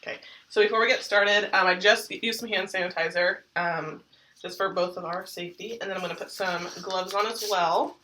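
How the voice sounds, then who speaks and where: A young woman, a student clinician, explaining a practice oral exam in a gentle, reassuring way with many fillers. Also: mid-range voice, fairly even intonation, brisk. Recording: distant mic with faint hiss.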